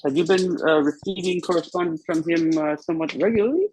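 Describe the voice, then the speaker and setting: A man's voice: a little high, fast talker, a little mellow, a little hiss or hum. A man playing a tabletop role-play game, speaking hesitantly with many fillers. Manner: hesitant, full of ums and uhs. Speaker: player. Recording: dull lo-fi mic.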